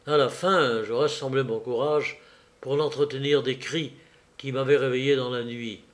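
A man narrating a literary audiobook in a measured, deliberate way. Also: mid-range voice, steady tone.

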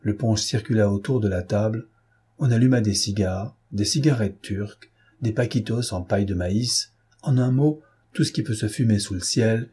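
A man's voice: lowish voice, moderate pace, warm tone, husky. A man reading a classic novel aloud as scripted narration, lifting his voice for the quoted officers. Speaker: audiobook reader.

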